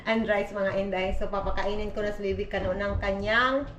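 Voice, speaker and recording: A woman's voice: mid-range voice, normal speed, a bit bright, reverberant, lo-fi sound, slight background noise. A Filipino woman with a Visayan accent, chatting casually to her viewers in a home vlog, her nose a little stuffy from the cold. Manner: chatty, addresses viewers as "inday", switches between Tagalog, Bisaya and English. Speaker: vlogger mother. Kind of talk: casual family vlog talk.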